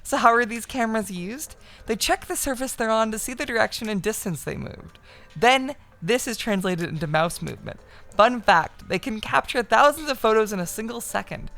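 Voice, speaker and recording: A woman streamer chatting casually on a live stream, excitable and swearing freely as she reads game text aloud. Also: fairly high pitch, moderate pace, creaky.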